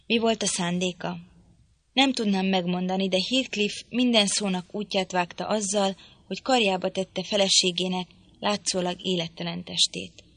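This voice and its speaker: A woman narrating a novel in an audiobook in a measured storytelling manner. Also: mid-range voice, fairly even intonation, a bit bright.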